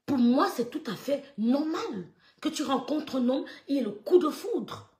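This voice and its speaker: Animated woman telling a story, echoey room. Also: high voice, unhurried. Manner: swings loud and soft, quotes others, stammers and laughs. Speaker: storyteller recounting gossip.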